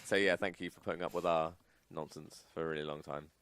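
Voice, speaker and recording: A man co-hosting a charity stream, rambling through heartfelt shout-outs and thanks. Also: a bass voice, steady tone, fast, clear, resonant tone. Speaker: stream co-host. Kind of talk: casual stream chat.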